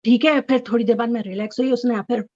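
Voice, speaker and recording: A middle-aged woman telling an excited story as an interview guest on a video call, sometimes breaking into high squeals. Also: fast talker, dry recording. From Chicago resident. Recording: dull, dry video call audio.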